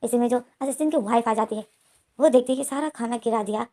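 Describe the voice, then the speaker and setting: A woman narrates a romance story in a plain, unhurried way, often repeating herself and restarting her sentences. Her voice sits somewhat high, with a mellow, warm tone. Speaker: fanfiction explainer.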